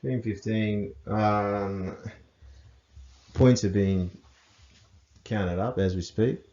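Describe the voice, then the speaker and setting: A man co-hosting a casual rugby chat, laid-back and quick to agree. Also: fairly low pitch, fairly even intonation, mellow. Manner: laid-back, agreeable, many short affirmations. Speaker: rugby coach and podcast co-host. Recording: echoey room, dull lo-fi sound.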